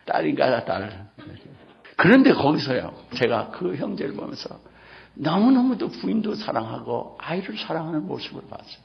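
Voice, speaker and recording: Impassioned gravelly middle-aged pastor preaching. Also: male voice, on the high side, very animated, moderate pace. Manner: impassioned, swinging between loud exclamations and hushed near-whispers. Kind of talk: sermon. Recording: dull lo-fi sermon recording.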